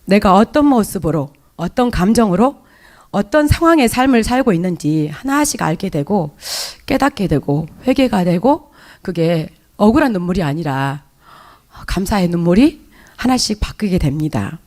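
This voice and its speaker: A woman's voice: fairly low pitch, lively intonation, moderate pace, darkish tone. Emotional woman giving church testimony. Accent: Jeolla Korean. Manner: emotional, confessional, with hesitant fillers and restarts. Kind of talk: spoken personal testimony in church.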